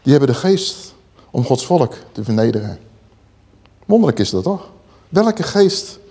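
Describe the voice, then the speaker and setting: A man's voice: medium pitch, big pitch swings, a little slow, dark tone, slightly rough. A man preaching a sermon, explaining scripture with questions to the listeners and dramatic readings.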